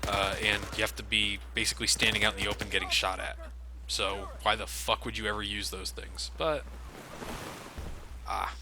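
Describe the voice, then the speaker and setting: Over a noisy background of loud game gunfire and action, a man with a lowish, steady voice provides let's play commentary at a moderate pace. His style is casual and explanatory, laced with lots of swearing.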